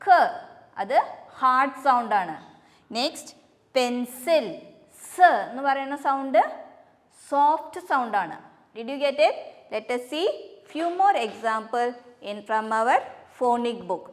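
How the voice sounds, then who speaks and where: Malayali lady teacher, kindergarten phonics, super slow, spells everything out, high voice. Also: expressive, big-room sound. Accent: Malayali English. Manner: slow, patient, spells out words letter by letter and asks questions. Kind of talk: phonics lesson for young children.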